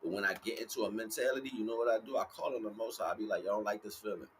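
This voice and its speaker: Very fast and lowish in pitch, this male livestream host gives an informal, freeform spiritual talk outdoors. He repeats himself and keeps making sure listeners follow along. A little hiss or hum sits under the audio.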